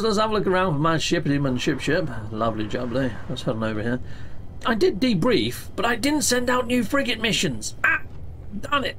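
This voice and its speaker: A man's voice: on the high side, fairly bright tone, a little hiss or hum. A middle-aged man chatting casually as a gaming YouTube host, exuberant and full of playful catchphrases. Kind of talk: casual gaming stream chat. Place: indoor home streaming setup, seated.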